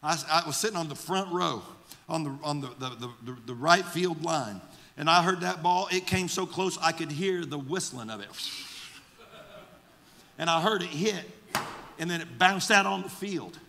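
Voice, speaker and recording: A male pastor preaching a sermon with fervor, moving between shouted exhortation and quiet storytelling. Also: on the high side, normal speed, gravelly, big-room sound. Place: church sanctuary.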